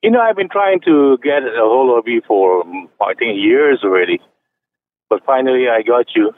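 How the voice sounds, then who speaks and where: A Chinese man in his late seventies phones in to a radio show, chatting with lots of fillers and restarts. His medium-pitched voice is expressive and moves at a normal speed, and the phone line sounds tinny.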